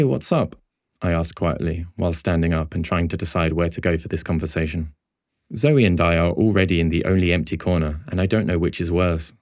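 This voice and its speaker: Man, audiobook narrator, very low voice, dry close sound, wry first-person telling. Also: darkish tone, no echo.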